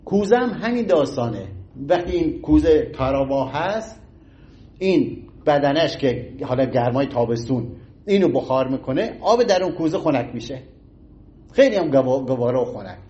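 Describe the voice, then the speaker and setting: A middle-aged man giving an informal health talk in an animated, folksy way, acting out little everyday scenes. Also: medium pitch, dull audio. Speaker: health lecturer.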